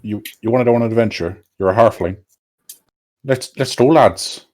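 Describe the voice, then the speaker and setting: A man's voice: mid-range voice, moderate pace, a little mellow. A man playing in a tabletop game, chatting casually and joking with the group. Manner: joking, laughing along. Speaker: player.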